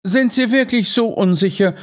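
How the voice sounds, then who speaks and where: A man voicing a sharp, aloof detective who speaks dryly and curtly in an audiobook. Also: sits high, normal speed, voice pushed up. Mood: cool, dry. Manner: dry, detached, curt.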